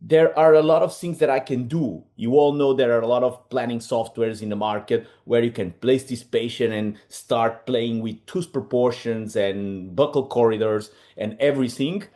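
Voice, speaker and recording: Relaxed dentist presenting. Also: male voice, medium pitch, normal speed, hardly any pauses. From Portugal. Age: middle-aged. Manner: relaxed, many fillers, slightly non-native phrasing. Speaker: implant dentist, webinar co-host. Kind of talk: casual presentation.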